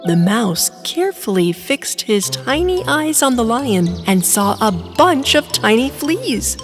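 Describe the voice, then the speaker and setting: A woman narrating a children's storybook in an expressive, sing-song manner. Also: on the high side, slow, soft background music.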